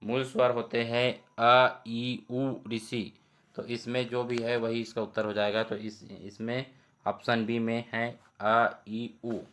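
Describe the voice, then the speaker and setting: A male teacher working through exam questions one by one, reading every option aloud before he explains the answer. He speaks slowly and deliberately. His pitch barely moves and stays even and level. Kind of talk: exam quiz lesson.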